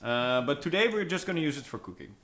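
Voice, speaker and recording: Man, chef, relaxed and joking, mid pitch, echoey kitchen. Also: quick pace, a little hiss or hum. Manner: relaxed, joking, explains as he cooks. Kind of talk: casual livestream cooking demonstration. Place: kitchen studio set. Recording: echoey room.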